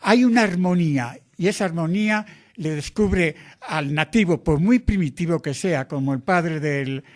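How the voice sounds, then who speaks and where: An older priest talks about his missionary work in a slow, earnest, explanatory way. His voice sits a little on the high side for a man. He lays out each point with care.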